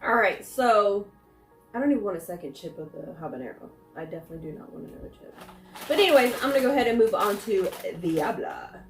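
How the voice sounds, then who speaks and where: A woman's voice: medium pitch, lively intonation, fast. Woman reviewing snacks in an echoey room. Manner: rambling, thinking aloud between tastes. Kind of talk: casual chat, food taste test. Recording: roomy echo, faint music.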